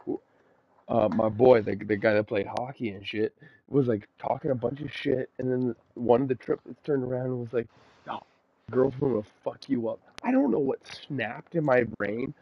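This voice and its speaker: A man's voice: mid-range voice, normal speed, vocal fry, husky. A young man from Ontario, Canada, chatting over a phone mic while gaming, telling rambling, profane stories that he keeps restarting. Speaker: gamer chatting with a friend. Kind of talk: casual gaming chat, storytelling. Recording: dull lo-fi voice chat.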